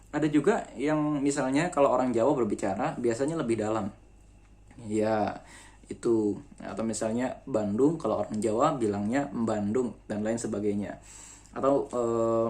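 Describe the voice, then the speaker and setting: A man at a moderate pitch gives an explanatory school lesson with an Indonesian accent. He talks the class through the material patiently, with many fillers and asides. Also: a little mellow. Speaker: teacher. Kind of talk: classroom lecture.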